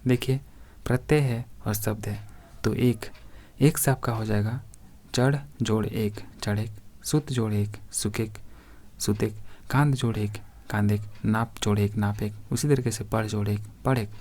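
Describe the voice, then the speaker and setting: A man's voice: on the low side, fairly even intonation, moderate pace, a little mellow. A man teaching a grammar lesson for exam preparation, reading out word examples one by one and addressing viewers as friends.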